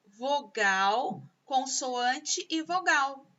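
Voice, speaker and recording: A woman teacher with a Brazilian Portuguese accent, giving a video lesson for children, explaining slowly and carefully, sounding out syllables. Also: high voice, lively intonation, pushed and bright, muffled recording.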